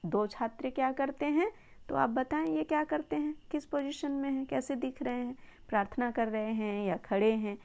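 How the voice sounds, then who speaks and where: A woman teaching a Sanskrit textbook lesson to children, patient and encouraging, slowly repeating words to model pronunciation. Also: fairly high pitch, darkish tone.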